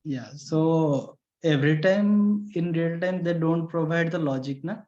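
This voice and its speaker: A man's voice: a little high, a little slow, a little mellow. A man student asking hesitant questions on a video call, with many fillers and polite address. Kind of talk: asking questions in online class. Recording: muffled breaking video call audio.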